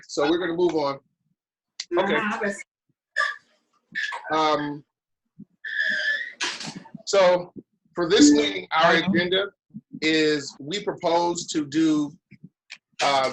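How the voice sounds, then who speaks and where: Man, meeting host, casual, radio-style acknowledgments, slightly high pitch. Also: takes it slowly, long pauses, low-quality recording. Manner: relaxed, repeats "copy that" radio-style. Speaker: online lodge meeting host.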